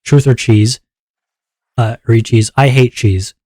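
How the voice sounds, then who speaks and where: Streaming live, a man goes over his event's rules for chat, relaxed and upbeat, and frequently checks in with his viewers. Following a viewer redeem, he speaks in a relaxed, lower voice. His pace is measured, and the studio sound is clean with no room sound.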